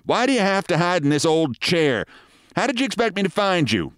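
A man voicing a nagging, impatient wife in a story, scolding briskly. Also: high voice, very animated, a bit bright, dry recording, clean studio sound, voice pushed up.

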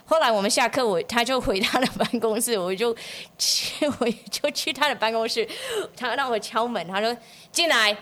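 Woman telling lively stories, high voice. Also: moderate pace, few pauses. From United States. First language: English. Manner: laughs often, acts out the voices of people in her stories. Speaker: podcast guest. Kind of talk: animated storytelling.

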